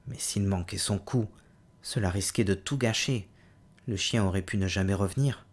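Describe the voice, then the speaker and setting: A man reading a novel aloud as an audiobook, in a steady, measured way, voicing the hero's cries with a louder, higher voice. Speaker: audiobook reader.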